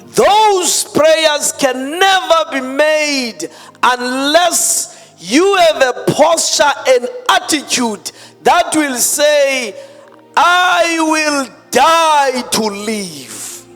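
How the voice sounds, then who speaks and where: A pastor preaching into a pulpit microphone, emphatic and drawn out, mixing in Xhosa words. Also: male voice, extremely high pitch, lively intonation, very slow, a bit bright. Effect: speaking into a pulpit microphone. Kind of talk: sermon. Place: church hall. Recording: long hall reverb, faint music behind.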